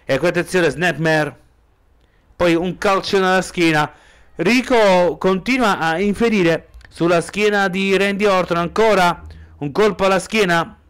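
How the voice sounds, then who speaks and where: A man's voice: sits high, measured pace, fairly bright tone, smooth. A man doing amateur play-by-play wrestling commentary, somewhat hesitant, returning to stock phrases.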